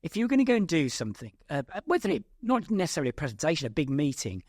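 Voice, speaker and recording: A man, a public speaking coach, talking as a podcast guest in a reflective, measured way. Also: fairly high pitch, sing-song, a little mellow, no echo, clean studio sound. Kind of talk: casual interview chat.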